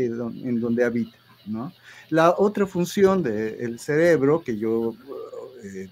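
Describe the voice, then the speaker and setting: A man speaks as a guest therapist at an ordinary middle pitch. He explains at length, often restarting a phrase and closing points with tag questions. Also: darkish tone. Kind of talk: explanatory interview talk.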